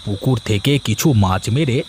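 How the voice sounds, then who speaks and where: A man's voice: fairly low pitch, moderate pace, slight background noise, lightly acted. A man doing a sly, lazy village husband. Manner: sly, plotting muttering. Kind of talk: cartoon voice acting.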